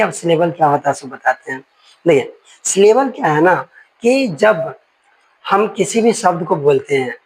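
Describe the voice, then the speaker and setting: Husky-voiced man teaching grammar. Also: sits high, rough recording. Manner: explains with folksy analogies and asides, checking in often. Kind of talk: classroom grammar lesson.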